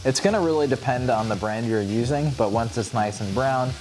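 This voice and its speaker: Guy talking thru a recipe casually, face numb from dental work, mid-pitched voice. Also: brisk, rough recording. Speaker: co-host of cooking channel.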